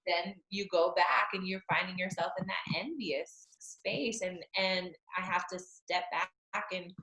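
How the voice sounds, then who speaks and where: A woman's voice: fairly low pitch, fairly even intonation, unhurried, gravelly, bright, forceful tone, roomy sound, rough recording. A woman from Utah, an author, talking candidly and reflectively in an interview, often saying "you know.". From Utah, United States. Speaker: author and guest. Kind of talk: conversational interview.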